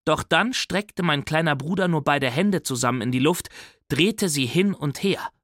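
A man reading a children's story aloud as a young boy's first-person narration, animated and playful. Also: fairly high pitch, normal speed, no room sound, studio quality. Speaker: audiobook reader.

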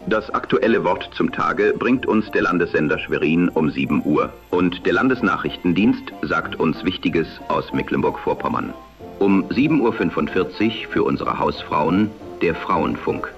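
A man announcing a programme formally and with measured delivery in 1940s AM radio style, with an old radio sound. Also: low-pitched. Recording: dull band-limited old radio sound. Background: music.

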